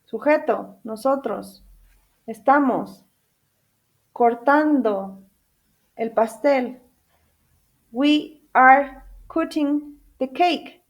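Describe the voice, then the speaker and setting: A woman's voice: high voice, drawn-out words, long pauses. A woman teaching an English grammar lesson in two languages, spelling out letters, repeating each example and checking in with her class through questions.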